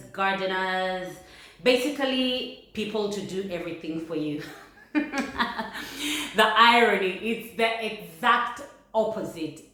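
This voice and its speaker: Laughing lightly between points, this woman from Uganda, speaking with a Ugandan accent, delivers a casual vlog to camera in a measured, thoughtful manner. Her voice has a medium pitch and a sharp tone, recorded in a very echoey room.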